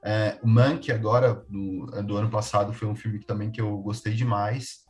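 A Brazilian man with a fairly low voice gives earnest, measured opinions in a casual film debate. He talks steadily, with soft music faint in the background. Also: flat delivery. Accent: Brazilian Portuguese.

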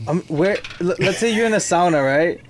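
A man with a somewhat high voice, teasing the others with crude jokes in a loose podcast chat. Light hiss sits in the background. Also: moderate pace. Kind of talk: casual chat. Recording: faint background noise.

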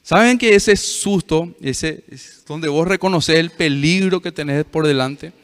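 Man, pastor, fairly high voice, long hall reverb. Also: unhurried. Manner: storytelling with frequent "¿verdad?" asides to the audience. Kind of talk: sermon to a youth meeting.

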